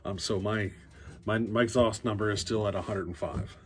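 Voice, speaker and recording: Speaking at a normal speed in a fairly low, steady voice, a man in his forties gives a relaxed chainsaw lesson from his basement workshop. He chats to a nearby phone camera, working things out aloud with plenty of fillers and false starts.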